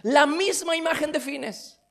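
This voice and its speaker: A man's voice: very high-pitched, a little slow, gravelly, a bit bright. A man preaching a sermon as a pastor, in a fervent, emphatic way.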